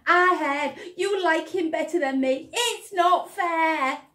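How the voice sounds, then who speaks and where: A woman's voice: very high voice, slow pace, pushed and bright, reverberant, pitched above the performer's own voice, heavily acted. A woman voicing an eager young child who whines and pesters a mother with questions in a storybook reading. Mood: indignant whining. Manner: whiny, insistent questioning.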